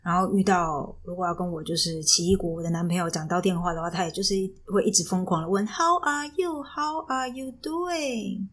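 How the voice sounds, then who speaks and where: Chatty Taiwanese woman, husky voice. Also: fairly low pitch, flat delivery, fast talker, hardly any pauses. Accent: Taiwanese Mandarin. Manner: chatty, storytelling with frequent fillers. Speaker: podcast host. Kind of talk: casual solo podcast chat. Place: small rented room at home. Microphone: professional microphone.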